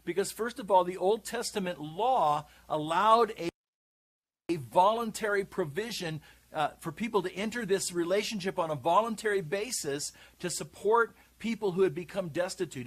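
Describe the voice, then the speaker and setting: A man explaining in a measured, methodical lecture, played from a video. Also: sits high. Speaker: bible teacher in a played video.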